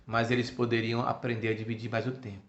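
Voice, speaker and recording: A frail, gravely ill boy who pleads softly and earnestly, as a man tells his story. The voice keeps a gravelly edge. It sounds muffled in an echoey room. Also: medium pitch, flat delivery, quick pace, natural voice.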